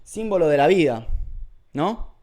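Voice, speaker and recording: A man with a Rioplatense Spanish accent explains philosophy in a casual lecture video, speaking a little slowly in a somewhat high, darkish voice with big pitch swings. His loose, chatty delivery is full of fillers and self-corrections, and he paraphrases texts as colloquial dialogue.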